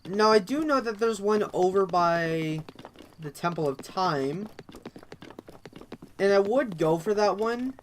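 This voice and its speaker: A gamer talks casually over gameplay and rambles from one thought to the next, leaning on "actually" and "kind of". The pitch sits in a middle range. The voice comes through a noisy home recording with the game audio running underneath. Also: expressive, slow pace, long pauses. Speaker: let's play commentator.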